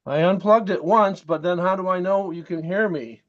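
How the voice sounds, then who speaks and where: A man's voice: sits high, normal speed. Guy on a video call, voice echoing back on the line, kinda dull lo-fi sound, keeps checking if anyone can hear. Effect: voice echoing back over the call line. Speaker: public commenter. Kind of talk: public comment over a video call. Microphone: computer or headset on a video call.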